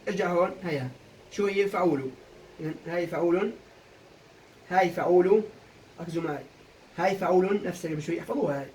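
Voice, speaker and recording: A young man teaching a poetry meter lesson for exam prep, quizzing students with quick questions and answering them himself. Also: sits high, a little mellow, recorded from a distance, poor audio. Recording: voice a bit off-mic, faint room noise.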